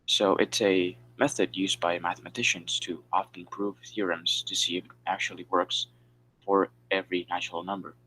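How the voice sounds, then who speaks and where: A man's voice: sits low, level tone, normal speed, pushed and bright, husky, rough recording. A man giving a class presentation over a video call, explaining step by step with frequent fillers. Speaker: student presenter.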